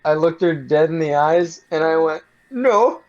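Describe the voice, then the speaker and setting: A man's voice: on the high side, level tone, normal speed, a little mellow, dull audio. A young adult man co-hosting a casual podcast chat, telling a rambling story with lots of swearing and restarts. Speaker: podcast co-host.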